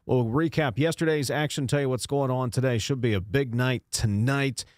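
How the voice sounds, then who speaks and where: A man's voice: mid-range voice, moderate pace, dry recording, studio quality. A man with an Appalachian accent hosting a radio talk show in a folksy, informal, conversational way. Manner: folksy, informal, self-deprecating. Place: radio studio.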